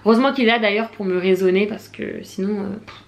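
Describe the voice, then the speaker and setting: A young woman with a French accent chatting casually in a shopping haul vlog, full of slang, fillers and lively asides. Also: medium pitch, fast talker. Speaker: vlogger.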